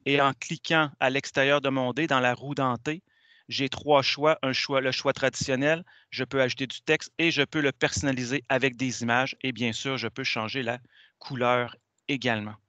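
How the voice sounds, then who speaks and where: A man, walking through a software tool step by step in a methodical teaching tone. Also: medium pitch, fairly even intonation, normal speed, no echo, muffled recording. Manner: methodical, step-by-step, many "donc" fillers. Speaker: teacher presenting a software tutorial. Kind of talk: screen-share tutorial walkthrough.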